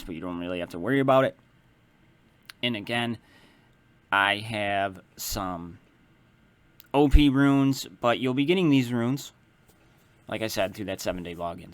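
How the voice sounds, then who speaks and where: A man casually walking through a mobile game character build, explaining his choices in a relaxed way and often starting lines with "so". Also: fairly low pitch, moderate pace, pauses often, no room sound. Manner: self-correcting, loose phrasing. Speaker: mobile game guide maker. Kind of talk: casual game strategy walkthrough.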